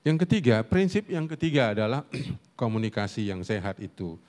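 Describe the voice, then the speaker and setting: Lively middle-aged male preacher. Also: lowish voice, normal speed. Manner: animated storytelling with audience questions and laughter. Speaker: guest preacher and counselor. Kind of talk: humorous family-life sermon. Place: church Sunday service.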